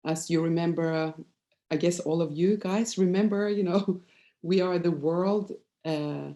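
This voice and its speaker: A Norwegian woman in her fifties talks in a low, mellow voice with soft edges. Like a psychologist sharing personal experience at an informal talk, she is candid and hesitant, halting as she searches for words.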